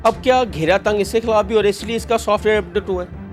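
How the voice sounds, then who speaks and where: A man's voice: sits high, fairly even intonation, fast, faint music behind. A man with a Pakistani Urdu accent hosting an interview, prompting and agreeable, addressing his guest as sir. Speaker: interviewer host. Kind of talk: interview questions.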